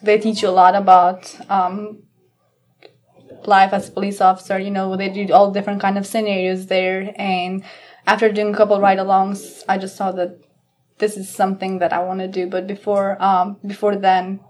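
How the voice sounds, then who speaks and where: A young woman in her twenties talks as a guest in a casual interview. Her voice is soft and even, with little rise and fall, and she answers in a plain, matter-of-fact way. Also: medium pitch, moderate pace. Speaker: police officer guest.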